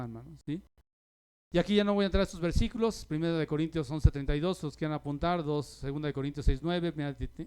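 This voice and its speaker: A man preaching a sermon to his congregation, asking rhetorical questions and tagging lines with "¿sí?", swinging between loud emphasis and quiet asides. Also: fairly high pitch, smooth. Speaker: pastor.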